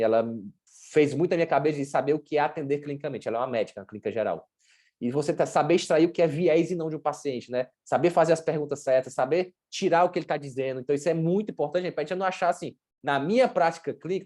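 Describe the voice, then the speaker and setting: Here the presenter's voice is a mellow, rumbling low. She's a Brazilian Portuguese-accented woman giving an informal sports nutrition workshop, chatty and blunt, peppered with slang and acted-out scenarios.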